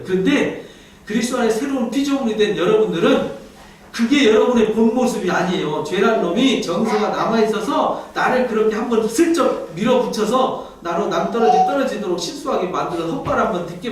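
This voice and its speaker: A man's voice: sits high, slight background noise. A male pastor giving a Sunday sermon in a conversational way, often putting questions to the congregation and leading it in reading scripture aloud. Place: church sanctuary. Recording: echoey church hall, mic at a distance.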